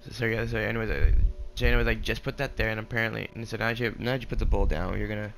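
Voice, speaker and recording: A man's voice: fairly low pitch, flat delivery, rapid-fire, gravelly, fairly bright tone. A young man in his late teens narrating a casual build tutorial, stammering, repeating words and often correcting himself. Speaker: game tutorial host.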